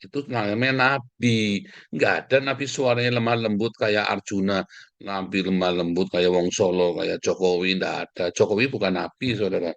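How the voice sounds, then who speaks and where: A man's voice: fairly low pitch, fairly even intonation, normal speed, creaky, no echo. Combative preacher man, dry close sound. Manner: combative, scolding, swings from shouting to hushed. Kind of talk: fiery sermon.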